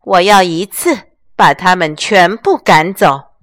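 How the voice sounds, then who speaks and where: A woman's voice: mid-range voice, big pitch swings, unhurried, no room sound. A brave mother rabbit, voiced by a woman reading a storybook, firm and emphatic with a raised voice. Her delivery swings up and down with a lot of melody. It sounds close and dry.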